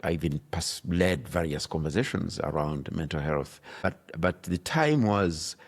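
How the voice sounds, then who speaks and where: A man from Uganda with a low, deep voice. He talks like a bishop being interviewed on a podcast, slow to choose his words and weighing each thought as he goes. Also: lively intonation, husky. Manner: thoughtful, deliberate, searching for words. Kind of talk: reflective conversation.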